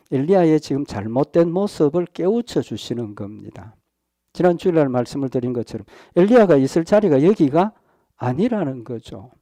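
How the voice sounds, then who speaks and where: A male pastor giving an earnest Sunday sermon. He asks the congregation rhetorical questions and often pauses on short fillers. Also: mid-range voice, mellow, dry recording, studio quality. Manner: frequent hesitation fillers.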